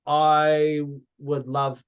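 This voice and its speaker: On an online video call, a New Zealand-accented man hosts a workshop, offering informal facilitation and closing remarks in a courteous, somewhat hesitant way. His slightly high voice has a clean tone and level delivery with drawn-out words, though the audio is narrow and tinny.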